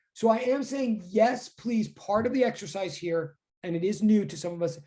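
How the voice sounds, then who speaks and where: Her mid-range voice is warm as this middle-aged physics teacher explains things to an online class. She comes across as intense and insistent, talking conversationally and interrupting herself often.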